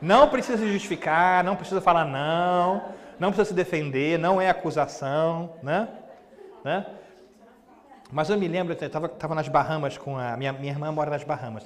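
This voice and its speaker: A middle-aged man with a fairly high voice gives a casual spoken lecture in a big room. His words ring out with long reverb. He keeps checking in with the audience and slips into quick acted-out dialogues. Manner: conversational, asks the audience questions; acts out short dialogues. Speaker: Spiritist speaker. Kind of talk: live lecture.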